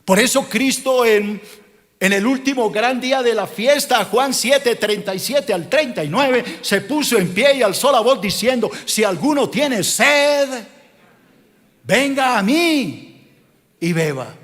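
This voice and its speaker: A male pastor delivers a sermon in a high voice. He scolds his listeners and presses them with rhetorical questions. The sound carries a long reverb, as if in a large church hall. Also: expressive, measured pace, a bit bright.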